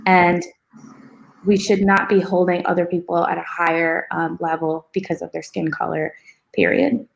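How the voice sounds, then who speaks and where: A woman's voice: fairly low pitch, flat delivery, moderate pace, vocal fry, dull audio. A young woman on a panel making firm, emphatic points, with frequent ums. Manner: firm, emphatic, filler-heavy. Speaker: panel guest. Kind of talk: casual panel discussion.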